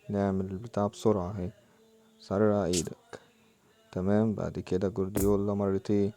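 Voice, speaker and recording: A man's voice: fairly low pitch, warm tone. A young man with an Egyptian Arabic accent, chatting casually while opening football game packs, muttering prayers and groaning in frustration. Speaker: mobile football gamer. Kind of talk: casual gaming commentary.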